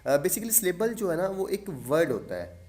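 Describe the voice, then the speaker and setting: Young male tutor, fairly high voice, patient and repetitive delivery with frequent fillers, mixes in english terms. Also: big pitch swings, normal speed, darkish tone. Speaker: teacher. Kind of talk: lecture explaining poetic meter.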